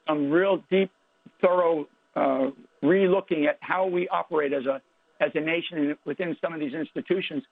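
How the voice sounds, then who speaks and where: A man speaking as an interview guest over a phone line, halting and emphatic, with many restarts. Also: a little high, gravelly, dry recording. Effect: heard over a phone line. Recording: tinny dry phone line.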